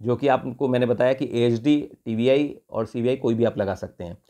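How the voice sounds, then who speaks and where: A man with an Indian accent and a warm, mid-range voice demonstrates a product off the cuff at a normal speed. He is a product reviewer who walks through each step and often rephrases himself in a mix of Hindi and English.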